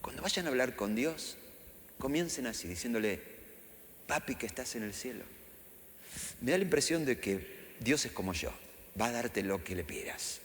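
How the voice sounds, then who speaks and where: Here a middle-aged man speaking Rioplatense Spanish delivers a sermon in a church hall, his voice jumping up suddenly as he acts out quotes. He's a pastor with a medium-pitched voice, and there's slight background noise. The hall is echoey with faint ambience.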